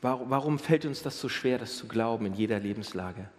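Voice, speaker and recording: A man preaching a sermon, asking rhetorical questions, repeating phrases and rising to near-shouts at his strongest points. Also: medium pitch, a little fast. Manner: animated, rising to near-shouts when voicing Jesus. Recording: long hall reverb.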